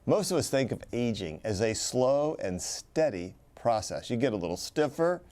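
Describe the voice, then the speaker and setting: A man's voice: medium pitch, sing-song, normal speed, darkish tone. A man hosting a health talk show as a hospital's chief medical officer, with self-deprecating asides.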